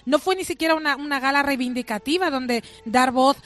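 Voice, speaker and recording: A woman's voice: sits high, a little fast, a bit bright. Blunt woman film critic. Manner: blunt, emphatic, frank. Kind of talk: radio talk, opinionated commentary.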